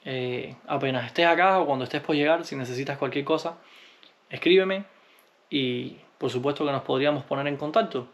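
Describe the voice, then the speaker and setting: A man from Cuba, answering viewer comments in a relaxed, unhurried vlog, often pausing with hesitations. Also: mid-range voice. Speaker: vlogger.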